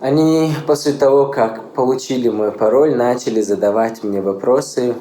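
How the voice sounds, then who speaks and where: Man, 20s, mellow, halting testimony, faint room noise. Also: mid-range voice. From Chechnya. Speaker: interviewee. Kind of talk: testimony interview. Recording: roomy echo, faint ambient noise.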